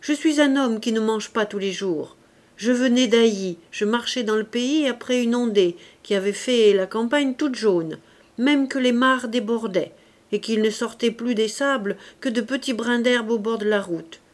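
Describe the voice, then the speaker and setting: A woman voicing a poor, bewildered old male vagrant in the dock, protesting loudly and rambling. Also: on the high side, moderate pace, close to an everyday voice. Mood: indignant protest.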